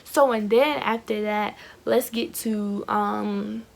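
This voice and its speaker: A woman's voice: mid-range voice, steady tone, takes it slowly, creaky. A fifteen-year-old young woman telling a casual, gossipy storytime to her viewers in slangy talk with frequent asides. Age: teenager, fifteen. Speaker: YouTube storytime vlogger.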